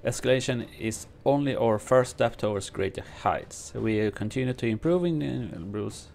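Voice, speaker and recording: A man streams from his home room, reading game patch notes out loud and commenting as he goes, though English isn't his first language. He has a gravelly, somewhat mellow mid-range voice and speaks haltingly, with many fillers and restarts. He's a gaming streamer.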